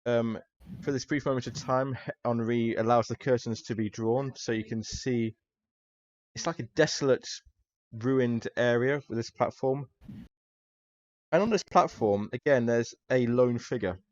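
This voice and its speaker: A man's voice: medium pitch, measured pace. A man narrating a tabletop role-playing game as its game master. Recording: dull recording with background music.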